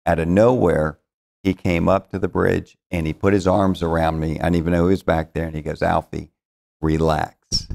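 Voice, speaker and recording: A middle-aged man with a low, gravelly voice talks in a TV studio interview. He tells stories in a rambling way, restarting his sentences and acting out the lines he quotes. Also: fairly even intonation, fairly quick, darkish tone. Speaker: financial planner, show founder. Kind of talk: casual studio interview storytelling.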